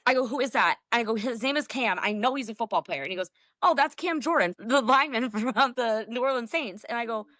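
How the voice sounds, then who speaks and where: A woman's voice: fairly high pitch, fast, hardly any pauses, a bit bright, no room sound, clean studio sound. A woman guest talking casually as a football fan, chatty, laughing often and acting out what people said. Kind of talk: casual storytelling interview.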